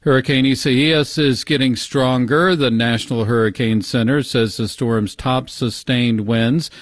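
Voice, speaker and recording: A man's voice: mid-range voice, fairly even intonation, unhurried, dry recording. An American man reading a scripted radio newscast as the anchor, close on a studio microphone. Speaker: news anchor. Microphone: close studio microphone, dry.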